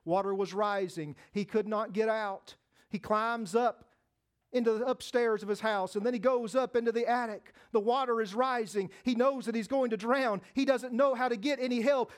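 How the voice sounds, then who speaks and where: A man preaching a sermon in church, impassioned and storytelling, swinging from hushed appeals to shouts. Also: extremely high pitch. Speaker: pastor.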